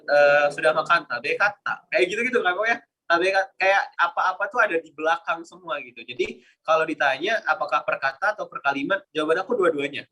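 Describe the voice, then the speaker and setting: A man's voice: fairly high pitch, sharp tone. A man mentoring a Japanese language class, answering questions in a chatty way with many fillers and demonstrating Japanese intonation. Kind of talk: online class Q&A, casual explaining.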